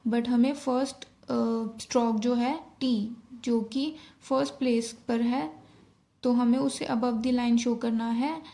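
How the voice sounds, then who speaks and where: A woman teaching a shorthand lesson, explaining each step slowly in Hindi with English terms mixed in. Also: fairly high pitch, creaky, dark tone.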